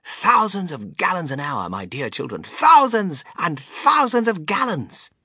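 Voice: very animated, a little slow, breathy edge, no echo, clean studio sound, heavily acted. A narrator playing Willy Wonka, wildly swooping and exuberant. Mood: proud, showy. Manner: theatrical, emphatic, swooping between hushed and shrill. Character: exuberant, boastful eccentric male chocolate factory owner.

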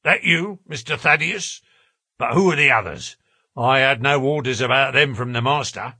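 A man voicing a gruff, blunt, burly porter and former prize fighter in an audiobook story. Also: medium pitch, moderate pace, no room sound, exaggerated voice. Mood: gruff, stubborn. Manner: rough working-class grammar, blunt and loud.

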